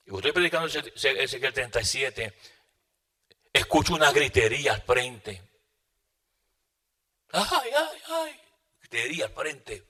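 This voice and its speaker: A man preaching a sermon, telling a testimony dramatically and moving between loud bursts and hushed asides. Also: mid-range voice.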